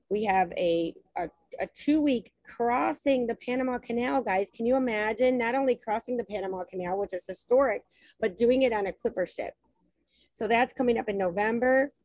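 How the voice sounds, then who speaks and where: A woman's voice: mid-range voice, darkish tone, dry recording, low-quality recording. A woman hosting a travel webinar on a video call, talking through a shared screen in a chatty way with many ums and restarts. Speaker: host presenting travel packages. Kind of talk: webinar presentation while sharing screen.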